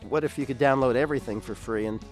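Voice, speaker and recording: A man's voice: medium pitch, quick pace. A man, a songwriter who leads children's music workshops, telling stories in a radio interview and acting out the voices he quotes.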